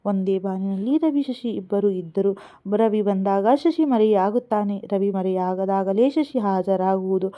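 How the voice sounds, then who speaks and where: A woman storyteller narrating a romantic serial novel in an earnest, expressive way. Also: medium pitch, a little slow. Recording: tinny phone-like sound.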